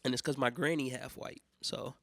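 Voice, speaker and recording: A young American man talks through a loose, profane solo monologue, his voice gravelly and rough at the bottom. He is getting over a cold and breaks into loud, mocking outbursts as he tells his stories. The sound is close and dry, with no room behind it. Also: medium pitch, moderate pace, no echo. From United States. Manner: profane, rambling, animated storytelling with loud mock outbursts. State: sick with a cough and congestion. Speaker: podcast host.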